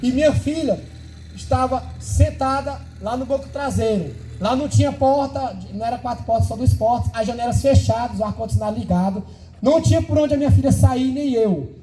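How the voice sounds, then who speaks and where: A man preaches his testimony at a church service, his voice pitched very high yet soft and dark in tone. He tells it fervently and keeps coming back to the same phrases. A faint hiss sits under his voice. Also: fairly quick, rough recording. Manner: fervent, emotional storytelling with many repetitions.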